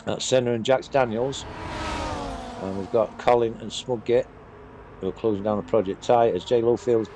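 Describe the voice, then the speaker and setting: Male sim racing commentator, live play-by-play with fillers, pitch rises in close battles, noisy recording. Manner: fillers and brief pauses while following the action. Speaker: race commentator.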